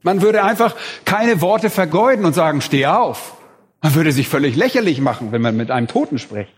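A man's voice: a little high, animated, a little fast, slightly rough. A man preaching a sermon in an emphatic way, rising on key words. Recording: reverberant hall.

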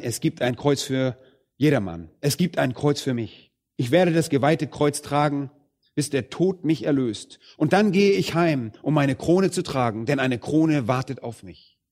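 A man preaching a sermon, addressing the congregation directly. He stresses some phrases loudly and drops others low and quiet. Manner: emphatic, swings between loud stresses and quiet low phrases.

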